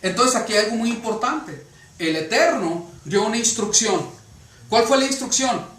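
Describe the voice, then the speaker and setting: A man's voice: high voice, expressive, normal speed, fairly bright tone. A man preaching a sermon to a congregation, often checking with rhetorical questions. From Mexico. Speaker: pastor. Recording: echoey room from a distance.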